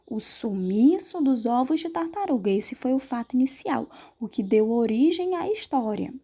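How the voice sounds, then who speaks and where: A Brazilian woman teacher giving a recorded class lesson, explaining patiently, checking in with her students and slowing down to stretch out example words. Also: high voice, lively intonation, warm tone. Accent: Brazilian Portuguese. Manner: patient, explanatory, checks understanding with tag questions.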